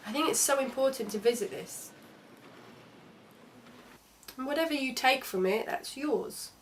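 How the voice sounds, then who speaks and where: A woman's voice: sits high, unhurried, slight background noise. Chatty young woman. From London. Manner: chatty and candid, with frequent restarts. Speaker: travel vlogger. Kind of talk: casual travel vlog narration.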